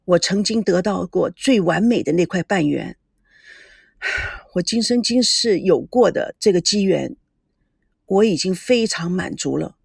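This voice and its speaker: A serene, wise young woman, as a woman narrator puts her on, speaking in measured, philosophical phrases. The tone is gentle and a little lower than the narrator's own, in a dry close recording. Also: expressive, creaky, breathy edge, no echo, exaggerated voice.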